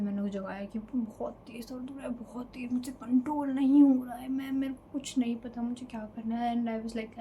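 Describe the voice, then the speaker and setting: With a warm, mid-range voice, a young Delhi woman chats casually through an emotional storytime vlog, dropping English fillers here and there. The recording is low in quality, with slight background noise.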